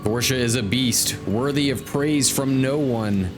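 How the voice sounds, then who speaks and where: Speaking a little slowly at medium pitch, a streamer gives relaxed commentary on his gameplay. He reads quest text aloud and muses to himself while game music plays behind him.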